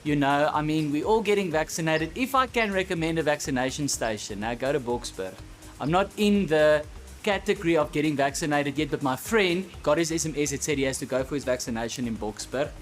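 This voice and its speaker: A man with a South African accent telling a stand-up comedy story, loose and animated with a lot of swearing. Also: on the high side, brisk, soft background music.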